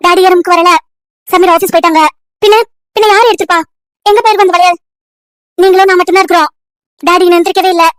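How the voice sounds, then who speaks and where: An anxious young wife in a cartoon story, voiced by a woman, very high-pitched and pleading, with a flat, insistent line. The read is dry and close, with no room sound. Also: fast talker, long pauses, no echo. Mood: distressed. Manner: pleading, repeating questions over and over.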